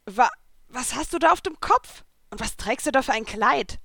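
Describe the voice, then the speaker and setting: A woman voicing a brash, impulsive young male fighter who talks bluntly and loudly in a storybook reading. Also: on the high side, lively intonation, normal speed, no echo, studio quality, pitched above the performer's own voice. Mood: baffled. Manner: blunt, loud, puzzled.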